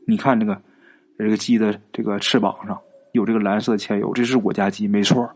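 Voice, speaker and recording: A man's voice: on the low side, level tone, quick pace, darkish tone, breathy edge, voice pushed down. A man playing a rambling older villager. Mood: explaining. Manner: rambling, explanatory.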